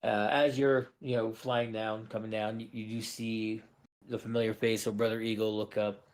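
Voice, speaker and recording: Flat low-voiced man running a role-play. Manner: halting, many fillers and restarts. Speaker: game master. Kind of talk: narrating a tabletop role-play.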